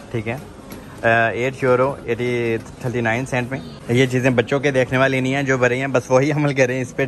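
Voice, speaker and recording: A man's mid-range, slightly bright voice carries this casual supermarket vlog, shot on a handheld phone inside a big shopping mall store. Chatty throughout, he calls viewers "janab" and says "theek hai" often, while the store around him is noisy.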